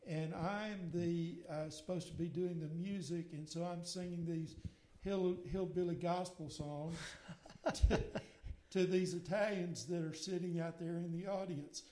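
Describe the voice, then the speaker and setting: A man's voice: sits high, fairly even intonation, measured pace, mellow, roomy sound. An older man from Mississippi, a radio guest telling a long personal story in a meandering way, linking it with "and so anyway". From Mississippi, USA. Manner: meandering, strings clauses with "and so anyway".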